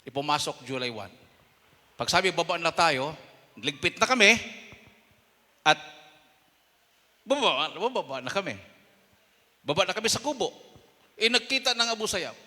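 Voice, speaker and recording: A Filipino man preaching a sermon testimony, telling a story and acting out quoted voices with sudden loud bursts. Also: a little high, big pitch swings, normal speed, pauses often. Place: church hall. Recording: long hall reverb.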